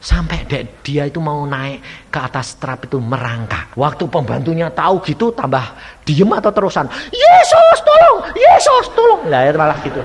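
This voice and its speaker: A man, preaching a sermon as an evangelist with vivid storytelling and sudden loud bursts and soft drops. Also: a little high, moderate pace, slightly rough.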